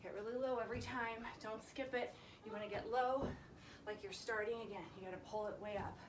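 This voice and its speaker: A woman fitness instructor leading a workout live, counting and giving short encouraging instructions, a little breathy from exertion. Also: on the high side, fairly even intonation, a little fast. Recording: echoey, distant mic, loud background noise.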